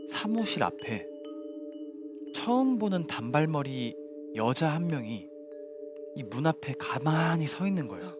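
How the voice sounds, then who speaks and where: A young man telling a ghost story to friends in polite, measured formal narration, as co-host of a show. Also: a little high, very animated. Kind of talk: spoken storytelling among friends. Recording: music behind the voice.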